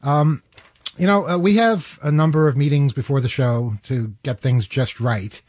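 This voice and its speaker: A man's voice: medium pitch, moderate pace, a little mellow, a little hiss or hum. A man hosting a radio show in a casual, hesitant, conversational way. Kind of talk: casual talk radio chat.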